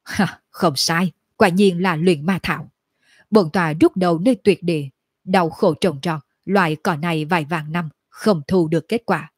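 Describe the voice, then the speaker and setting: A woman's voice: lowish voice, normal speed, slightly rough, no room sound, clean studio sound. A woman reading as a fierce young demon lord. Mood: gloating.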